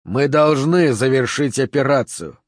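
A tough commando leader with stern, unbending orders, as a male narrator acts him out. When he calls out, his voice rises into a high, loud shout. The sound is dry and close. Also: measured pace, dry recording, lightly acted. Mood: hard.

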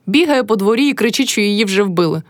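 A woman's voice: medium pitch, expressive, fast talker, no room sound, clean studio sound, close to an everyday voice. A woman voicing an exasperated male village clerk asking what happened, in a storybook reading.

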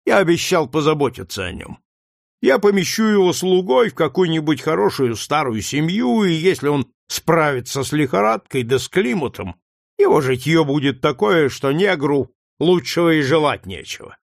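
A coarse, cynical middle-aged trader , read by a man narrating a novel talks in a blunt, matter-of-fact way. His pitch moves a lot. The sound is dry and close. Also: sing-song, moderate pace, gravelly, dry recording, full character voice. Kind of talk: audiobook character reading.

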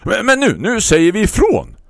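Guy doing a fired-up shouty neighbor man, way higher than his own voice, preachy and urgent, dry sound. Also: huge pitch swings, creaky, no echo, full character voice. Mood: fervent. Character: excitable male neighbor, fervent protester.

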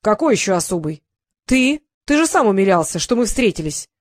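A woman voicing a proud, brash young male apprentice wizard who talks loudly and indignantly, insisting on his point. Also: mid-range voice, big pitch swings, fairly quick, no echo, clean studio sound, close to an everyday voice.

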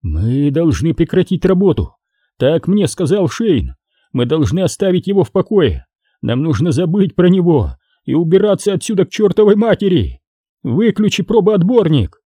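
A man's voice: on the high side, sing-song, normal speed, warm tone, breathy edge, no echo, clean studio sound, pitched above the performer's own voice. A man voicing a hysterical, panicked male submarine crewman who shrieks and pleads frantically in an audiobook. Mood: frantic.

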